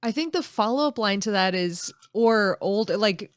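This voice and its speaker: A woman's voice: medium pitch, lively intonation, moderate pace, dry recording, studio quality. A woman guest on a podcast, chatting casually and with amusement about a film. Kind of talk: casual chat.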